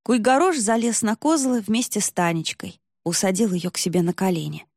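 Чтица-рассказчица, средний голос, спокойное чтение. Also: female voice, mid-range voice, brisk, darkish tone, dry recording, clean studio sound. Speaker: audiobook narrator. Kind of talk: scripted narration.

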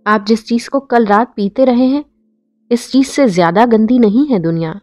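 A woman voices a kindly man giving quiet counsel with gentle reproach, read from a novel. The voice is dry and close-miked, with faint music behind it. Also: on the high side, no room sound, close to an everyday voice.

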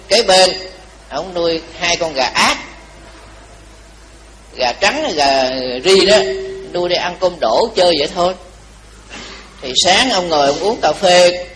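A man preaches to a temple audience in a lively, conversational storytelling manner. His voice sits high and carries a slight weariness. A faint background noise runs under the recording. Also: low-quality recording. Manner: animated, chatty storytelling to an audience. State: a little tired. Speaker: Buddhist monk giving a dharma talk. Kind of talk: storytelling sermon.

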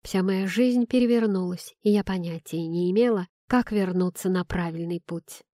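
Woman reading an audiobook, warm mellow tone, dry close sound. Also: on the low side, normal speed, no room sound. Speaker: audiobook narrator. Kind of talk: first-person audiobook narration.

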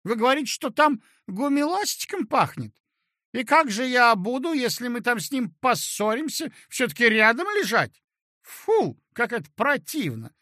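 A shrill, scatterbrained young wife who whines, pouts and keeps exclaiming, as a male audiobook reader puts her on. Her voice is high and sharp, read dry and close with no room around it. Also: very animated, moderate pace, dry recording, full character voice. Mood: indignant, squeamish. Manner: petulant, whiny, exclaiming. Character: flighty capricious young married woman. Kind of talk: audiobook character voice.

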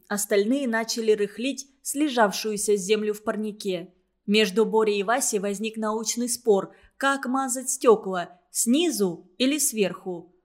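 A woman narrating a children's story in an even, measured reading voice. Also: a little high.

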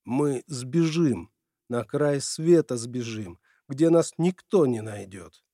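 A man's voice: mid-range voice, expressive, takes it slowly, mellow, dry recording, studio quality. A man voicing an anxious middle-aged engineer father in an audiobook, speaking in a trembling, pleading way. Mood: despairing.

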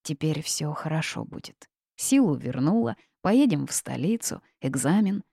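A woman reading the part of a calm young male mage in an audiobook, speaking softly and gently. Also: low voice, normal speed, vocal fry, no room sound, studio quality, exaggerated voice. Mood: gentle. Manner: soft, gentle.

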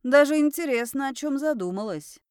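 A woman's voice: high-pitched, lively intonation, brisk, a little mellow, no echo, clean studio sound. A woman reading an audiobook voices a cocky young man who drawls his lines with irony. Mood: teasing. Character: young handsome man, smug and teasing.

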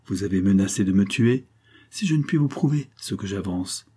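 A man reading a novel aloud, voicing a proud and commanding noblewoman with a forceful, insistent delivery. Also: on the low side, animated, normal speed, breathy edge.

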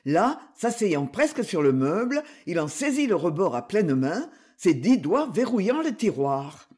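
A reader narrating a literary story as an audiobook, slow and expressive. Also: mid-range voice, slightly rough.

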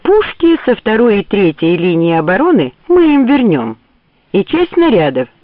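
A man voicing a weary commanding general who tries to calm others. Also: high voice, normal speed, dry recording, pitched above the performer's own voice. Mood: placating. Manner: placating, commanding. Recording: tinny phone-like dry audio.

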